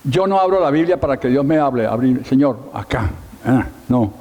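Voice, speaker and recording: A man's voice: mid-range voice, animated, a little slow, warm tone. A middle-aged man, a pastor preaching a sermon, telling his story with emphasis and self-mocking humor. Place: church hall with long reverb. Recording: long hall reverb.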